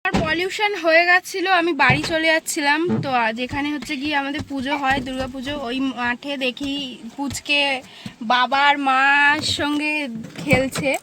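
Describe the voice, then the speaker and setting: A young woman with a Bengali accent narrating her day in a chatty, casual vlog style. Her voice sits fairly high. Clear background noise runs under the phone recording. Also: steady tone, normal speed. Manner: chatty, filler-heavy, keeps saying "so". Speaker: vlogger. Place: home and outdoors on streets and by the river.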